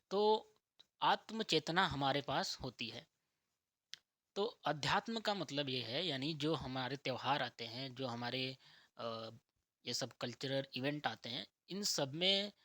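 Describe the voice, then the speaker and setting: A man's voice: medium pitch, sharp tone, no echo. A man explaining ideas to his listeners like a teacher, asking questions and answering them himself and often checking in with "theek hai". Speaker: spiritual teacher. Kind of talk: explanatory talk on spirituality and nature.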